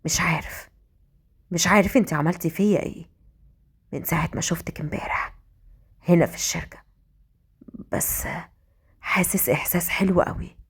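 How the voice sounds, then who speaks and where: A woman with an Egyptian accent voicing a moody young male company boss, speaking low and half-whispered. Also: steady tone, brisk, long pauses, husky. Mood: dazed murmur. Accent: Egyptian Arabic.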